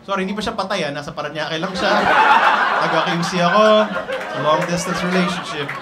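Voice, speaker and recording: A young Filipino man with a Filipino accent, performing an animated stand-up set, swearing and acting out family members. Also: high voice, fast talker, over a noisy crowd. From Philippines. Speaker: stand-up comedian. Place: comedy club stage. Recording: noisy live room.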